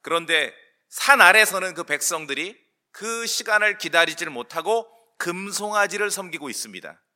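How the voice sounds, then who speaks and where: A man preaching a sermon, emphatic, addressing the congregation with questions and slowing on key words. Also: high voice, animated, bright, forceful tone. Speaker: pastor.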